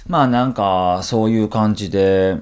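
A man's voice: moderate pace, clear, resonant tone. A middle-aged man with a Kansai accent, hosting a casual podcast chat and acting out quoted voices. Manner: animated, acts out quoted voices with big pitch jumps. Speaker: podcast host answering listener questions.

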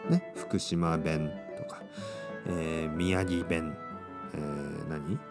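A man from Oita, Japan, teaching Japanese to learners in slow, simple, clearly spoken sentences. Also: over loud music. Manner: slow and clear, with lively swings in pitch.

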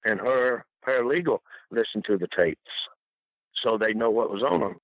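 A man's voice: on the low side, lively intonation, moderate pace, dry recording, rough recording. An older American man, rambling through folksy, colloquial anecdotes as an interview guest. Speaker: interview guest telling career stories. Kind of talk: rambling anecdotal casual talk.

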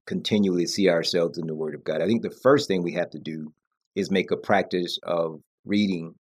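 A man with a very deep voice speaks as a pastor in a panel conversation. He talks in a sermon-like, emphatic way and often stops to rephrase himself. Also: fairly quick, slightly rough. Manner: sermon-like, emphatic, self-correcting. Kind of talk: conversational church podcast discussion.

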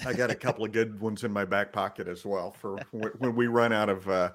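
A man's voice: fairly low pitch, fairly even intonation, brisk, a bit bright. An American man chatting casually as a podcast co-host. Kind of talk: casual chat.

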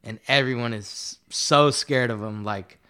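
A man's voice: medium pitch, measured pace, pushed and bright, clear, resonant tone. Laid-back man telling a rambling story. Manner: rambling, laid-back, profane, many fillers. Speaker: guest artist. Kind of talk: casual storytelling in a podcast interview.

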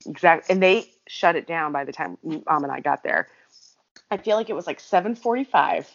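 A woman's voice: low-pitched, normal speed, vocal fry, highs cut off. A woman co-hosting a casual chat, telling long rambling stories and laughing often.

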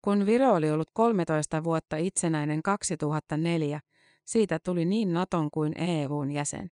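A narrator giving a scripted reading of a long-form news article, with an even, measured delivery of dates and figures. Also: medium pitch, no room sound, clean studio sound.

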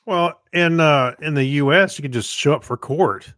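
On the high side and fairly bright, this man's voice moves at a normal speed as he co-hosts a podcast, trading casual talk and everyday personal stories. It's a dry, studio-quality recording.

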